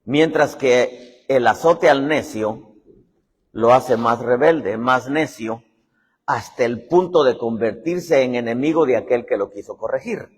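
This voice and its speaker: Preaching in a hall with long reverb, a man with a husky, mid-range voice takes his time. His sermon includes an anecdote he tells dramatically, acting out each person in it and voicing their quoted words.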